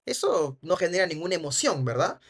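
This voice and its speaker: A man's voice: fairly high pitch, big pitch swings, a little fast, fairly bright tone. A man teaching a sales course, explaining a book in a casual way. He often ends points with a tag question and acts out quoted dialogue in a livelier voice. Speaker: NLP trainer. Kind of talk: commenting on a book for students.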